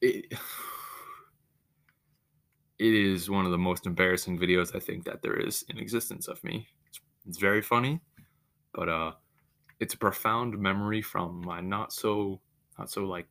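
Monotone young man hosting a podcast. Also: low voice. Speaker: podcast host. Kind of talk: casual solo storytelling.

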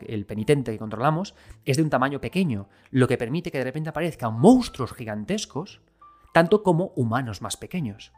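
A man from Galicia talking casually and enthusiastically to his viewers about video games. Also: mid-range voice. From Galicia, Spain. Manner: enthusiastic, conversational, addresses viewers directly. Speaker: video game commentator. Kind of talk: casual spoken game review.

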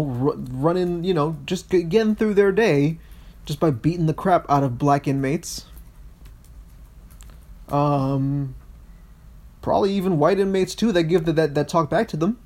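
A man with a somewhat raised voice co-hosts a casual political podcast. He speaks haltingly, with frequent restarts and false starts, and sometimes reads policy text aloud. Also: fairly high pitch, darkish tone. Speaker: podcast co-host.

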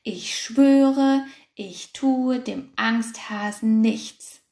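A woman's voice: a little high, drawn-out words, mellow, roomy sound. A woman voicing a sly, hungry fox that fibs and hesitates, in a storybook reading. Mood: earnest. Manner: hesitant, fibbing.

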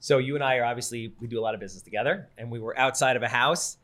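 A man's voice: mid-range voice, steady tone, fairly bright tone. A man hosting a podcast, interviewing guests casually and enthusiastically. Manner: fast, enthusiastic, promotional. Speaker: podcast host.

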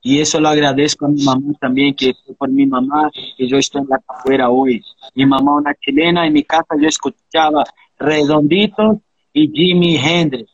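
A man's voice: fairly high pitch, moderate pace, husky, no echo, dull audio. A man in his thirties from Brazil, talking earnestly and reflectively in a casual interview, often ending thoughts with a question. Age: 30s. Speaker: interviewee, capoeira practitioner.

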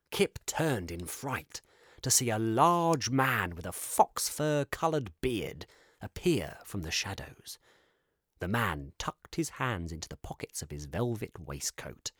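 A man reading a storybook aloud, slow and measured, his voice swinging widely in pitch. It sounds close and dry, with no room around it. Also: slightly rough, no echo. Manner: expressive and measured. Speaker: narrator. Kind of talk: storybook narration.

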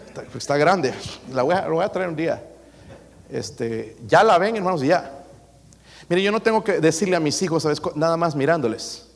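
A man's voice: fairly high pitch, in a large hall. A man preaching as a pastor, emphatic and joking, acting out quotes. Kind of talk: sermon.

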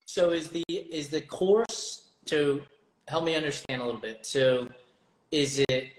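A man's voice: fairly high pitch, measured pace, echoey room, low-quality recording. A man hosting a podcast interview, asking long, searching questions and speaking to the audience. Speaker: host.

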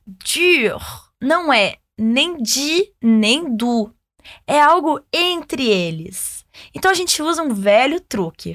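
High-voiced woman teaching French. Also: no echo, studio quality. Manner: patient, slow, models phrases for listeners to repeat. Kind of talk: language lesson with repeat-after-me drills.

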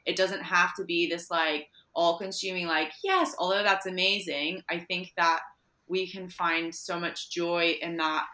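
A woman's voice: fairly low pitch, fairly even intonation, measured pace, bright, forceful tone, echoey room. A woman hosting a podcast interview, talking reflectively in loose, run-on phrases. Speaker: podcast host. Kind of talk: casual interview chat.

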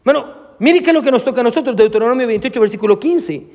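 A man's voice: very high voice, animated, fast talker, a little mellow. A male pastor preaching a sermon emphatically, speaking straight to his congregation. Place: church. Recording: long reverb of a church hall.

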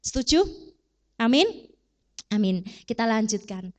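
Brief: high-pitched woman preaching a sermon, casual and animated, quizzing her congregation. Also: measured pace, muffled recording.

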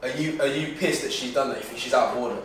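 A young man with a London roadman accent chats in loose slang. His pitch is average. He sounds distant from the mic, in heavy room echo with noticeable noise. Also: quick pace, a bit bright. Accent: London, urban street style. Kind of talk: casual banter among friends, slangy.

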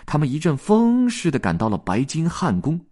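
Lively man reading a children's story. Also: fairly high pitch, normal speed. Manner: lively, expressive narration.

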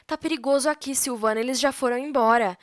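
A woman's voice: sits high, quick pace, dry recording, studio quality, lightly acted. A woman doing a desperate, crying young mother. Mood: urgent. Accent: Brazilian Portuguese. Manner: crying, pleading, urgent. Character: desperate young mother fleeing with her son.

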